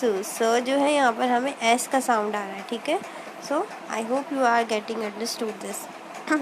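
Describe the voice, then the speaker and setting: A woman teacher giving a recorded English lesson to schoolchildren, explaining slowly, mixing Hindi with English terms and repeating words for pronunciation practice. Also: sits high, background noise.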